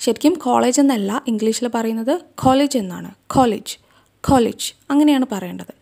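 A chatty young woman with a Malayali accent teaches English pronunciation in a relaxed, casual way. Her voice sits a little high but sounds mellow and warm. She keeps turning to the viewer with questions. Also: fast, vocal fry. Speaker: English teacher, channel host. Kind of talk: casual lesson to camera.

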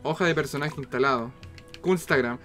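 A man with a Chilean accent giving casual, slangy, foul-mouthed and excitable commentary as he streams a video game. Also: mid-range voice, fairly quick. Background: game music.

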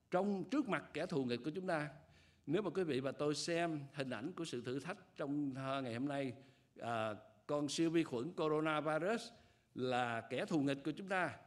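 An older man preaching a sermon at a church pulpit, speaking in a measured, earnest way with frequent hesitation fillers. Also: fairly high pitch, animated. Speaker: pastor. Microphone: pulpit microphone.

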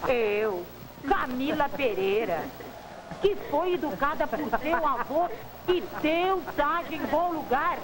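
Nanny: middle-aged, indignant, haughty scold, vintage film with noisy soundtrack. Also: female voice, sits high, expressive, slow pace. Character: indignant, scornful middle-aged nanny defending her dignity. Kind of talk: 1950s film comedy-drama acting.

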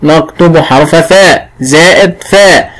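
A man with an Egyptian accent teaching early reading, sounding out syllables slowly and clearly. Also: a little high, fairly bright tone, slight background noise, low-quality recording. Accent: Egyptian Arabic. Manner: slow, drawn-out sounding of syllables. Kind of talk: classroom phonics lesson.

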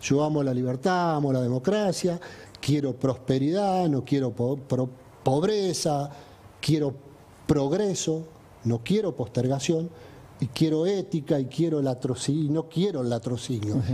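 An Argentine man speaks in emphatic, listing declarations as an interviewee. His voice is dark and somewhat husky. It is heard in a replayed interview clip. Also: a little high, measured pace. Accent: Argentine Spanish. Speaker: business chamber president in a played interview clip. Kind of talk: interview answers.

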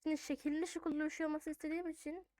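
A woman's voice: high voice, level tone, very fast, mellow, no echo. A woman giving casual gameplay commentary, thinking aloud in an informal way as she plays. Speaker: gaming video host.

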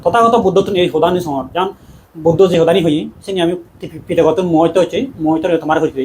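A man, a Buddhist monk, giving a dhamma talk in a quick, conversational preaching manner with laughs. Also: fairly high pitch, darkish tone.

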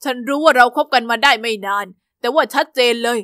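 A woman voicing a pushy, obsessive teenage boyfriend in an animated storybook, speaking insistently and controllingly. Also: high voice, quick pace, dry recording, clean studio sound, voice pushed down. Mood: earnest.

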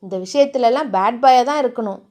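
A woman playing a brooding, possessive young male hero who talks low, gruff and teasing. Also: a little fast, mellow, natural voice. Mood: tender, teasing.

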